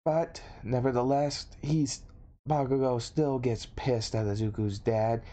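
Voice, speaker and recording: A man telling a story in a casual, halting, unscripted way. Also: mid-range voice, fairly even intonation, warm tone.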